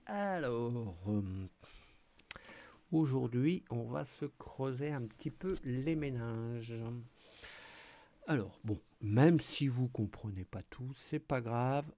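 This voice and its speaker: A man, explaining code step by step in a relaxed, hesitant tutorial with many fillers. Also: mid-range voice, slow pace. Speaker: tutorial host. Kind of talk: screen-recorded coding tutorial.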